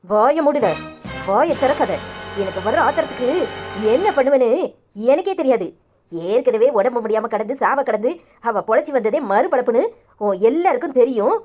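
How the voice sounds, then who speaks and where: A woman's voice: on the high side, lively intonation, normal speed, pauses often, soft background music, natural voice. A woman voicing a furious mother-in-law in a cartoon who threatens and scolds her family. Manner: shouting threats, domineering. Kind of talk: cartoon voice acting.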